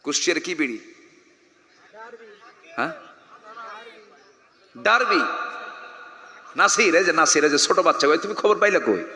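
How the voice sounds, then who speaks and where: A man from Bangladesh preaching to a big gathering, his voice bright and cutting, rising and falling with lively swings. He teases the crowd with questions and bursts from quiet asides into loud calls. The sound rings through a long, echoing PA reverb from some distance. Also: on the high side. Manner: humorous, teasing the audience with questions and calls to shout louder. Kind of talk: Islamic sermon to a crowd.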